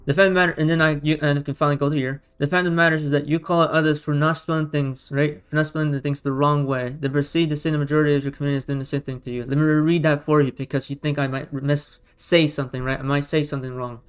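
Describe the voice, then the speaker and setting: Talking very fast with few pauses, this male online commentator has a slightly high, smooth voice and a flat delivery. A non-native speaker of Romanian or Russian origin, he offers exasperated, combative rebuttal commentary built on emphatic rhetorical questions.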